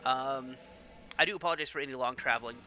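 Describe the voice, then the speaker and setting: A man's voice: mid-range voice, quick pace, bright, forceful tone, muffled recording. A man hosting a let's play, giving chatty, casual game commentary full of fillers.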